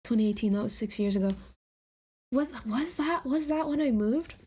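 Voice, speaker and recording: A woman's voice: fairly high pitch, normal speed, dark tone, breathy edge. A woman live-streaming a reaction to her own old videos, chatting casually in a giggly, scattered, self-mocking way.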